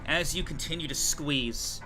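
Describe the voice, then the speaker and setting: A man narrating as game master of a tabletop game in a dramatic, hushed way. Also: a little high, measured pace, music in the background.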